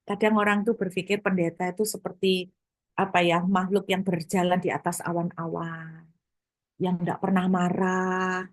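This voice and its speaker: A woman pastor preaching a conversational sermon, lively, asking her listeners questions and playing out little everyday scenes, with English words mixed in. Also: mid-range voice, no echo. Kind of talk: conversational sermon to a congregation and online viewers.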